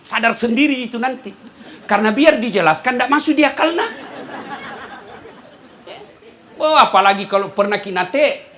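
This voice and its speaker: A man's voice: extremely high pitch, animated, fairly quick, a bit bright, slight background noise. A male preacher gives a humorous sermon to a congregation, telling stories and acting out the voices of the people in them. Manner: playful storytelling, acting out quoted voices.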